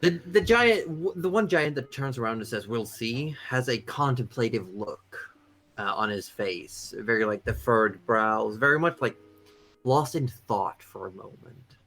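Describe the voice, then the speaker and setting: A man's voice: mid-range voice, animated, normal speed, fairly bright tone, faint music behind. A man narrating a tabletop game as game master, improvising and often repeating phrases as he goes.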